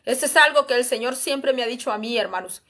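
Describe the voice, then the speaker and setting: A woman's voice: a little high, quick pace, bright, forceful tone. A woman giving a spoken religious testimony as a lay preacher. She talks earnestly and repeats herself, often calling out to her listeners as brethren. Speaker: lay preacher sharing a revelation.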